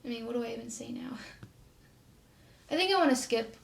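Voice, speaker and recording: A woman in her twenties tells her own story straight to camera. Her voice sits a little high and carries a lot of vocal fry. She speaks softly and haltingly, often trailing off into near silence. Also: expressive. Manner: soft-spoken and halting, often trailing off quietly.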